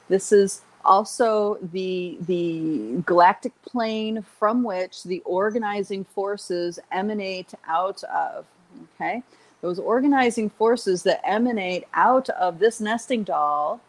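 A woman giving an informal spiritual talk as a teacher leading an online group, with a halting, searching delivery. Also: lowish voice.

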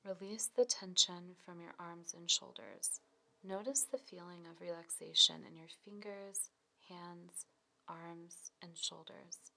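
Speaking in a soft, breathy voice that's close to a whisper, a woman guides a scripted relaxation session. Her instructions come slowly, calm and soothing, and her voice sits on the lower side.

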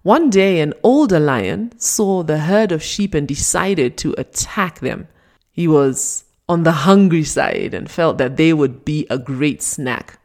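Slow, deliberate woman motivational speaker. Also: low-pitched, expressive, darkish tone. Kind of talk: scripted motivational talk.

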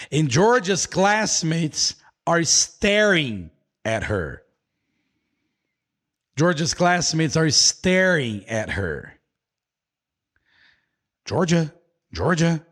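A man with a Brazilian accent teaching English in a live online lesson, repeating every phrase slowly and switching between English and Portuguese. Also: a little high, fairly bright tone.

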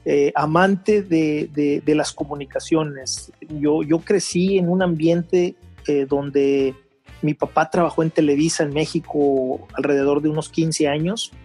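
Mellow middle-aged man. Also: on the high side, fairly even intonation, breathy edge, faint music behind. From Mexico (Veracruz). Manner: unhurried, many restarts and fillers. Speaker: interview guest. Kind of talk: conversational interview.

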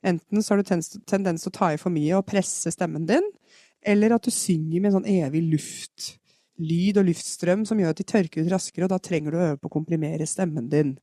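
A woman from Norway giving a chatty live podcast singing lesson, explaining technique and demonstrating vocal fry sounds. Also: fairly low pitch, warm tone, no room sound, studio quality. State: has a cold. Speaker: singing teacher. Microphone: podcast microphone.

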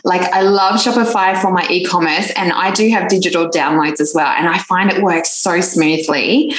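Female podcast host, lowish voice, bubbly and effusive, recorded in a roomy space. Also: steady tone, normal speed. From Australia. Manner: enthusiastic, laughs often. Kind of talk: casual interview talk. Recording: echoey room.

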